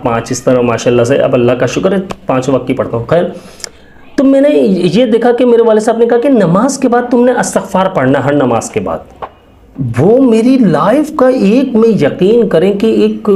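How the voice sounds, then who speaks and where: A man's voice: on the high side, dark tone. A man in his thirties telling his own life story in an earnest, rambling way, full of restarts and quoted thoughts to himself. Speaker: speaker sharing a personal story. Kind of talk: casual personal testimony.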